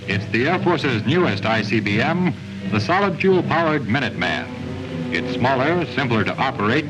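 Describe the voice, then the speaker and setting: A man's voice: mid-range voice, poor audio. A man narrating an old 1960s newsreel in a formal announcer's manner. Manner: announcing with lively, sweeping intonation. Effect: old newsreel sound.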